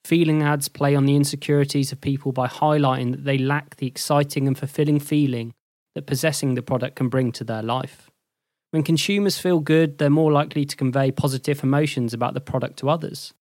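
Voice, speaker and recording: A man delivers a scripted lesson in a measured, even voice. He sits at a middle pitch, and the sound is dry and close with no room around it. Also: dry recording. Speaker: host and lecturer. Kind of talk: scripted explanatory narration.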